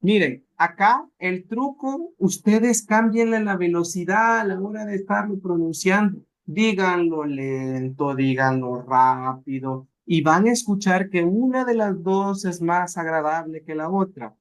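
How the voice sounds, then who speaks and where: Slow, high-voiced male language teacher. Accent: Salvadoran. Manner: slow, patient, repeats words aloud for drilling. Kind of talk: live class instruction.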